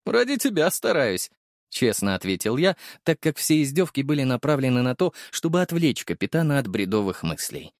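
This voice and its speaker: A man narrating a first-person audiobook in a lively, wry and expressive manner. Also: mid-range voice, brisk, few pauses, no room sound, studio quality.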